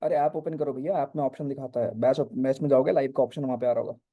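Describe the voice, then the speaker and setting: A man's voice: medium pitch, fairly even intonation, fast talker, narrow, tinny audio. A young man teaching a live online class, chatty, mixing Hindi and English and often checking "right?" with students. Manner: chatty, reads student questions, asks "right?" often. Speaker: online exam-prep teacher.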